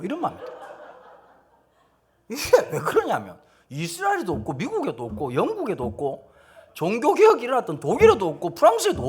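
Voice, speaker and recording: A man's voice: sits high, breathy edge. Joking Gyeongsang-accented male pastor. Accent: Gyeongsang Korean. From Gyeongsang region, South Korea. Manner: blunt, joking storyteller with acted-out quotes. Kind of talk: humorous sermon seminar.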